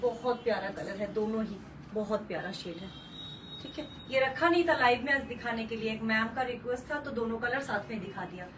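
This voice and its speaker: High-voiced woman selling sarees live. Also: a little fast, far from the mic, background noise. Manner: gushing, repetitive, mixes English color words into Hindi. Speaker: saree seller hosting a live sale. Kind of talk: live-stream sales pitch.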